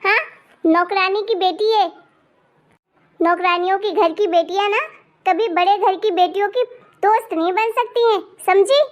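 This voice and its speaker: Woman playing a mean snooty old cartoon granny, high shrill voice, snaps and scolds. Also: normal speed. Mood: scolding. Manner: harsh, contemptuous, scolding. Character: haughty scolding old grandmother of a rich girl. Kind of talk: animated cartoon voice acting.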